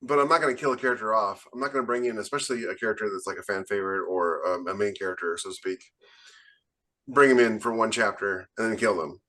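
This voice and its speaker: This man's voice sits on the low side, fast and sharp with fairly even intonation. Co-hosting a podcast, the fiction author holds forth emphatically and with strong convictions in a relaxed panel discussion on writing.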